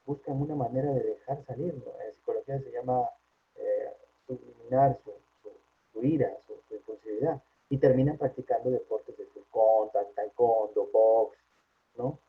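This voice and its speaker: A man with a Peruvian Spanish accent, a psychologist giving an informal workplace talk in a chatty way, often checking in with a quick question tag. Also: mid-range voice, husky. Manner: conversational, frequent tag questions. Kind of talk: informal lecture. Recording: tinny phone-like line.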